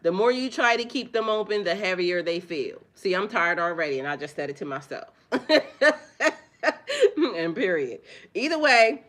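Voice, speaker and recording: A woman with a lowish voice hosts a spiritual reading vlog, speaking at a moderate pace with long pauses. She's a mother who talks to viewers directly in a loud, animated, blunt, profane and chatty way, laughing often.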